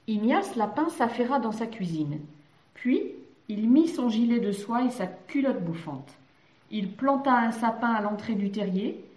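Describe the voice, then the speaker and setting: A woman narrating a children's story gently. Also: a little high, animated, measured pace. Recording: roomy echoey recording.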